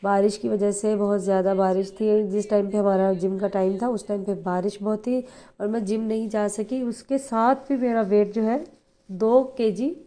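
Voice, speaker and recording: Chatty woman vlogger with a very dark voice. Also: mid-range voice, steady tone. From Pakistan. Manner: rapid, chatty, many fillers. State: hoarse with flu. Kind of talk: casual vlog talk to viewers.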